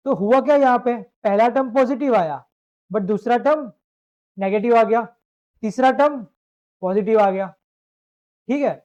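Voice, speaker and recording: A high-pitched man works through a math problem in a live online class, checking step by step that his students follow. The sound is dull and lo-fi, like a compressed stream. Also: measured pace, long pauses, a little mellow. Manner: explains step by step, asks students to confirm. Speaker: math teacher.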